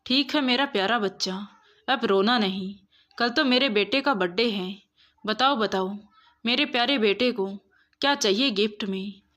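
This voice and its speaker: A woman voicing an affectionate, gently firm father in a storybook reading. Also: a little high, moderate pace, lightly acted. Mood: coaxing. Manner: affectionate, coaxing. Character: loving father, gently firm with his son.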